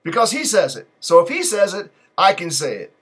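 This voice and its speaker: A man's voice: sits high, huge pitch swings, a little fast, fairly bright tone, breathy edge. A man hosting a live call-in stream, talking in a loose, digressive and joking way. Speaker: live call-in show host. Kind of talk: rambling live-stream monologue.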